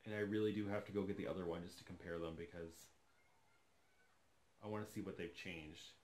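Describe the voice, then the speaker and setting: His deep voice is a little mellow, fairly even in intonation and brisk in pace. The man, a doll-collecting vlogger in his thirties, sits on his living room sofa opening a doll and chatting casually, enthusiastic and thinking aloud.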